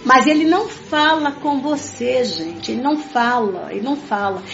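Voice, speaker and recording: At a normal pace, a woman with a high, gravelly voice speaks earnestly and emphatically about her faith, going over the same points repeatedly and addressing her audience as "gente" throughout. This conversational religious talk echoes around the room, its dull, muffled sound layered over soft music.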